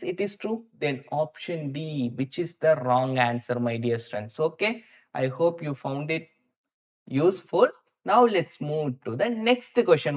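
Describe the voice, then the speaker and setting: Indian male maths teacher, thinking out loud. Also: on the high side. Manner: thinking out loud while solving, talking directly to students; repeats words for emphasis. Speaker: maths teacher hosting a live online class. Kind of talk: live exam-prep lesson, working through problems step by step.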